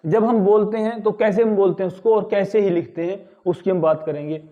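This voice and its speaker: Man, high voice, grammar teacher, slow repeated words, dull lo-fi sound. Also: steady tone. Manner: repeats words slowly to correct pronunciation, asks "ठीक है?". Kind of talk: spoken lesson.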